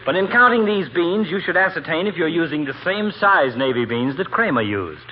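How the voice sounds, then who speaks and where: Man playing a pompous sardonic doctor, lively swooping delivery. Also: a little high, a little fast, lightly acted. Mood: mock-learned. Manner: dry, mock-learned, wordy. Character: sardonic, pompous male doctor, needling friendly rival. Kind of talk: 1940s radio comedy acting. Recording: muffled, faintly hissy vintage radio recording.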